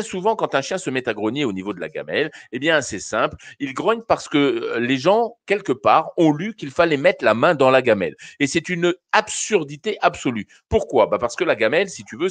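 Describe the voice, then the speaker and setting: A man's voice: mid-range voice, no room sound. A man hosting a live call-in show on dog training, giving casual advice to viewers with many fillers and restarts. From France. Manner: hesitant, many fillers and restarts, addresses callers familiarly.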